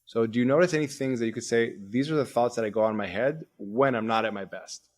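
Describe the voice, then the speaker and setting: A man's voice: mid-range voice, fast talker, darkish tone. A man on a podcast explaining a coaching method, often quoting his own inner thoughts as he goes. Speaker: performance coach. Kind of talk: podcast interview, coaching talk.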